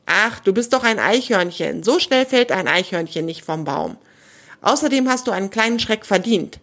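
A woman voicing a proud, loud female jay bird in a children's storybook reading. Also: mid-range voice, moderate pace. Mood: agitated. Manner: loud and excited.

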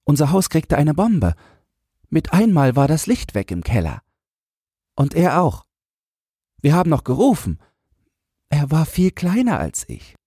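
A man reads a small, frightened boy who keeps watch over rubble, his voice pushed high and thin. He sounds timid and stubborn, grief held back, with a husky edge and swinging intonation, recorded close and completely dry. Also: huge pitch swings, measured pace, pauses often, no room sound, exaggerated voice. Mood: timid, sad. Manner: timid, stubborn, quietly grieving. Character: frightened nine-year-old boy guarding rubble. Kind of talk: audiobook character voice.

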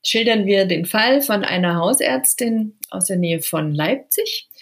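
Eine Frau, Buchautorin, die per Videoschalte lebhaft und anschaulich im Interview erzählt. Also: female voice, mid-range voice, unhurried. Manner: lively, vivid storytelling. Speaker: book author and guest. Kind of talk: storytelling in an interview. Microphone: remote video call.

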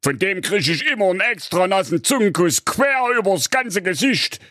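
A man's voice: high voice, expressive, normal speed, sharp tone, no room sound, studio quality, pitched above the performer's own voice. A man voicing a fussy, gossipy old king who grumbles at length in a comic storybook reading. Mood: complaining. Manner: complaining, chatty.

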